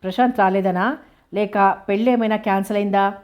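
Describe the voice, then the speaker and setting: A woman reading a novel aloud, voicing a worried mother who pleads and scolds in a flat, even tone. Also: mid-range voice, fairly quick, lightly acted. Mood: anxious pleading. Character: worried widowed mother, anxious, fussing.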